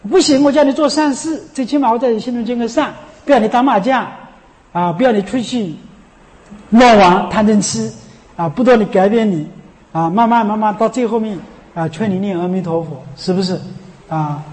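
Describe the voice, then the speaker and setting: High-voiced monk preaching in a hall. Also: male voice, moderate pace, darkish tone. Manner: often asks rhetorical questions; chants Buddha's name as he teaches. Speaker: Buddhist monk teacher. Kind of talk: sermon. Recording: long hall reverb.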